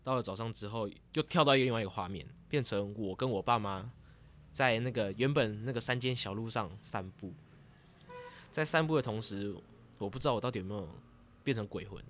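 A man casually retelling a dream in a rambling, lively way as a vlogger. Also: fairly low pitch, slight background noise. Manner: rambling and lively, grows excited as the story goes on.

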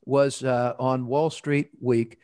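American male podcast host, medium pitch. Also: level tone, takes it slowly, darkish tone, clean tone, no room sound, studio quality. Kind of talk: conversational interview hosting with formal sign-off.

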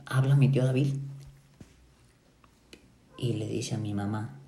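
A young man with a Mexican accent tells a personal story on a casual podcast. His voice is dark and mellow, and he slips into the voices of the relatives he quotes. The room is echoey, with faint noise in the background. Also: on the low side, fairly even intonation, unhurried. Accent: Mexican Spanish. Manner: emotional retelling, acts out quoted relatives. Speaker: podcast guest.

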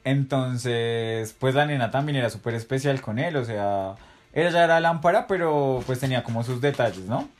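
A man's voice: mid-range voice, lively intonation, moderate pace, soft background music. A young man, chatting casually with a friend and telling stories in heavy slang. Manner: slangy, storytelling, laughs often. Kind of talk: casual chat between friends.

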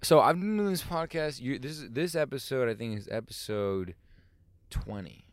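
A man in his twenties, born in Israel and raised in the Bay Area, hosting a casual podcast from inside his van, slangy and excitable. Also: mid-range voice, normal speed, dry recording. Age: 20s. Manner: slangy, excitable, bursts into loud shouts. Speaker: podcast host. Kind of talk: casual chat.

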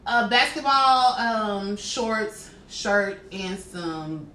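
Lively, animated woman storyteller. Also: mid-range voice, very slow. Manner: animated, exasperated retelling with quoted voices. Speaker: podcast co-host telling a story. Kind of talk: casual storytelling chat. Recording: echoey room with faint noise.

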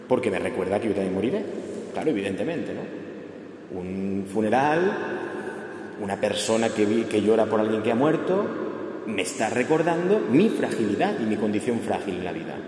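A man's voice: lowish voice, darkish tone. A man gives a conversational homily, often asking rhetorical questions and acting out imagined speakers. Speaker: priest leading a grief gathering. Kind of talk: spoken homily on grief. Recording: echoey hall, faint room noise.

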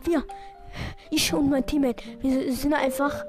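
A woman giving excitable, self-mocking play-by-play commentary while she plays a video game. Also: sits high, unhurried, over music. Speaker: gaming video creator. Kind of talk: live gameplay commentary.

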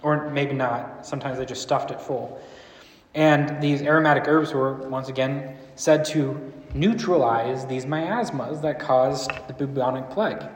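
Speaking at a medium pitch and a little slowly, this church speaker rambles casually through a teaching series and keeps asking the audience questions. He's in a large room with a live crowd, and the recording carries the long reverb of an echoey hall.

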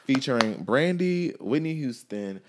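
A man's voice: mid-range voice, expressive, a little slow, noisy background. A man hosting a casual music podcast, playful and teasing, with mock-announcer flourishes. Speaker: podcast host. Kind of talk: casual chat.

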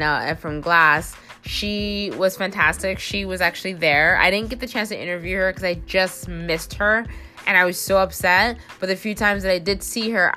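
Chatty, bright-voiced woman rambling. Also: fairly low pitch. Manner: rambling, chatty, frequent fillers and restarts; bursts of excitement with animated quoted reactions. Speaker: convention reviewer and interviewer. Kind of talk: casual recap monologue.

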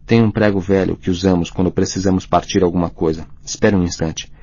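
A man voicing a gentle, dreamy teenage girl in an audiobook, speaking softly and calmly. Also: low voice, fairly quick, husky, no echo, lo-fi sound. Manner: soft, calm, quiet.

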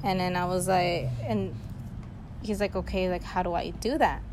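A woman's voice: on the low side, fairly even intonation, moderate pace, noisy background. A young woman recounting film scenes in casual chat for a class discussion, chatty with lots of fillers. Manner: chatty, many fillers, laughs easily.

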